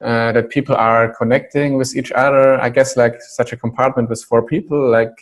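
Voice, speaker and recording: A man's voice: medium pitch, steady tone, moderate pace. A man interviewing a guest, asking loose questions full of fillers. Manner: loose and hesitant, many fillers.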